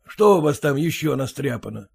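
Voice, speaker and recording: A man's voice: medium pitch, expressive, moderate pace, creaky, darkish tone, husky. A man voicing a fussy, self-important merchant husband who lectures and grumbles. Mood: grumbling. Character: pompous fussy merchant husband, fearful of typhus.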